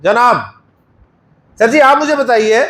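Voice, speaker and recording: A man's voice: very high voice, expressive, slow, sharp tone, reverberant. A male teacher with a Pakistani Urdu accent giving a Quran Arabic lesson in a mosque class, patiently quizzing students and praising their answers.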